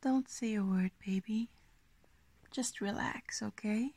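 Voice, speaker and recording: A woman doing a whispered role-play as an affectionate, gently dominant girlfriend, speaking slowly and intimately in a coaxing half-whisper. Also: medium pitch, no room sound. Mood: tender, soothing.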